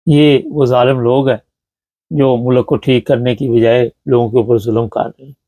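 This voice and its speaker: A man hosting a talk show, giving measured, lamenting commentary in a deliberate way. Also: mid-range voice, steady tone, mellow, dry recording. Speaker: host.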